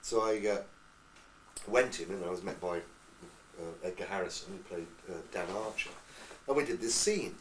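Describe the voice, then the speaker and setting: Distant, echoey lower-voiced Englishman. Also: moderate pace, a little hiss or hum. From England. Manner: lively storyteller, slips into accents. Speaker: actor interviewee. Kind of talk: anecdotal interview chat. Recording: echoey room, far from mic.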